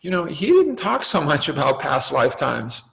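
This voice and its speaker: A man giving a dharma talk as a meditation teacher, reflective and halting, with frequent fillers and restarts. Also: a little high, big pitch swings, vocal fry, a bit bright, poor audio.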